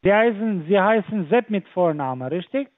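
A man on a phone scam call, talking haltingly with many fillers and broken grammar. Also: high voice, expressive, no room sound. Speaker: phone scammer. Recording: tinny phone line.

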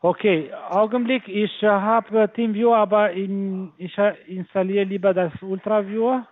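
A man on a phone scam call, talking haltingly with many fillers and broken grammar. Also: sits high, steady tone, dry recording. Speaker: phone scammer. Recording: tinny phone line.

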